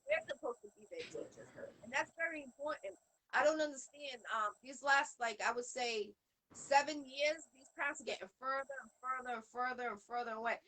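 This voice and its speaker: A woman's voice: sits high, animated, fairly quick, bright, forceful tone, rough recording. A woman with a Boston accent hosting an interview, talking earnestly and rambling with many fillers and restarts. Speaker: show host. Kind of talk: casual interview chat.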